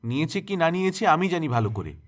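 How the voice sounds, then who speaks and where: A man's voice: fairly high pitch, big pitch swings, fast, pitched above the performer's own voice. A man voicing a harsh, domineering older village woman who scolds and threatens. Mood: scolding.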